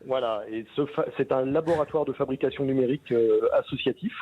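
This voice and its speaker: A man from France who founded an association, explaining things calmly in a radio interview. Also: mid-range voice, brisk, husky, narrow, tinny audio. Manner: explanatory, easygoing.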